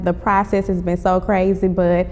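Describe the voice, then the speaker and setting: A woman who is a playwright and actress promotes her stage play as an interview guest, answering politely and conversationally and calling the interviewer ma'am. Her voice is a little mellow, with little pitch movement and a moderate pace, recorded in an echoey hall with clear rumbling background noise.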